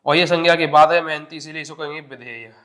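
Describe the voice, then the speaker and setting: A man's voice: on the high side, fast talker, a bit bright. A man teaching an exam-prep grammar lesson step by step, asking questions and answering them himself.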